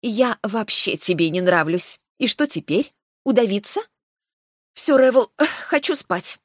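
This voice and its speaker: A woman narrating a first-person fantasy audiobook in a wry, even storytelling manner. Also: mid-range voice, unhurried, no room sound, studio quality.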